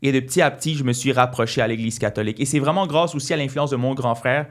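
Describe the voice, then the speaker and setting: A man, speaking earnestly as an interview guest and often restarting his sentences. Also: medium pitch. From Quebec. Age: 20s. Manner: earnest, halting with many restarts. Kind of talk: casual interview talk.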